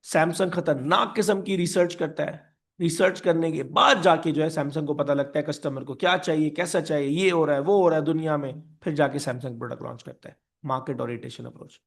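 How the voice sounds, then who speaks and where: A young man lecturing on business with a slightly high, gravelly voice. He mixes Hindi and English freely, keeps repeating the key terms, and acts out what companies would say in their own voices. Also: brisk. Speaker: business teacher. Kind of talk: animated classroom lecture.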